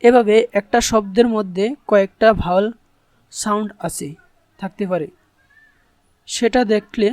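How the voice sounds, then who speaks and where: A man's voice: sits high, fairly even intonation, normal speed, long pauses, a little mellow, clear, resonant tone, dry recording. A man teaching English in an online tutorial. He explains patiently and spells words out letter by letter.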